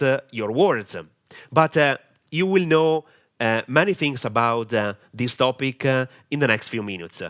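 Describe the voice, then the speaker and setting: An Italian man with an Italian accent, working as a marketing mentor, gives a lesson on confidence in front of the camera. He's direct and earnest but hesitates a lot, and his medium-pitched voice is a bit bright.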